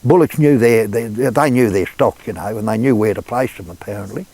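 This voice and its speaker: A man's voice: on the low side, fairly quick, mellow, husky. An older man with a rural Australian accent, recalling the past in a plain, laconic drawl. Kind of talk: oral-history reminiscence.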